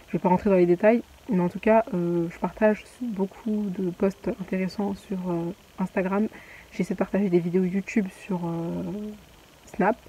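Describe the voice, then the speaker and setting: Rambling young woman vlogger, mellow voice. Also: on the low side, slight background noise, low-quality recording. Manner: rambling, lots of fillers and restarts. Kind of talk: casual chatty vlog.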